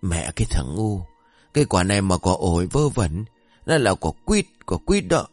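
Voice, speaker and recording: A man's voice: deep voice, sing-song, normal speed, a little mellow, no room sound, soft background music. A man voicing a brash young male disciple who argues shrilly and insistently. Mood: arguing.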